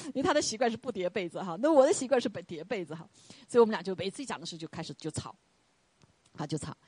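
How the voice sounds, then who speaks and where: A woman's voice: medium pitch, lively intonation, fast, darkish tone, breathy edge, no echo. A middle-aged woman church leader telling a personal testimony to her congregation in a chatty, storytelling way, often laughing and acting out the voices in her story. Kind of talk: testimony sermon.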